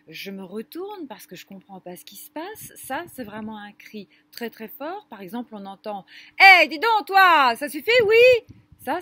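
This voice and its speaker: A woman leading a children's music lesson, speaking gently and didactically straight to the kids. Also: medium pitch, slightly rough. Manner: gentle, slow and didactic, addressing children directly. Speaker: music teacher for young children.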